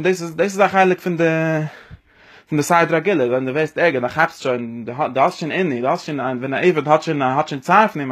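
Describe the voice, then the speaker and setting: A man giving a spoken religious lesson, rambling and restarting, mixing in Hebrew and English words. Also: medium pitch. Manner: mixes Yiddish with English and Hebrew terms. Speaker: teacher.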